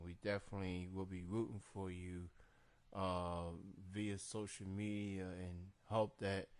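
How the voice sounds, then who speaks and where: A man hosting an unscripted interview in a halting manner with drawn-out pauses. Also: low voice, darkish tone, clear, resonant tone. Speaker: interview show host. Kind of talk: unscripted radio-style interview.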